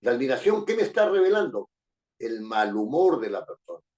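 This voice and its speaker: A man's voice: medium pitch, very animated, brisk, darkish tone. A man with a Peruvian Spanish accent lecturing a class, often tagging his sentences with rhetorical questions and repeating phrases. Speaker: teacher.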